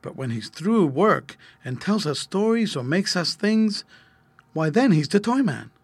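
A man's voice: sits high, very animated, measured pace, slightly rough, dry recording, pitched above the performer's own voice, exaggerated voice. A man voicing a curious, thoughtful little boy in a storybook, musing aloud. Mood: wondering. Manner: wondering, musing.

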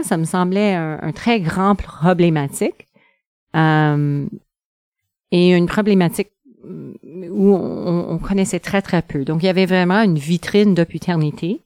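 A middle-aged woman from northern Ontario. She is a researcher answering interview questions, pausing often and using many fillers. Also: on the low side, a little mellow, smooth, no echo, clean studio sound. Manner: hesitant, many pauses and fillers.

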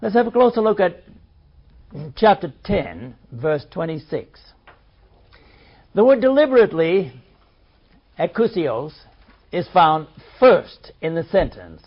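A man delivers a sermon in a high, very lively voice, pressing hard on each key word. He moves slowly, stopping often between scripture readings. The recording sounds dull and lo-fi. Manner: emphatic, reading scripture aloud with commentary. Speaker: preacher. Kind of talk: sermon, Bible teaching.

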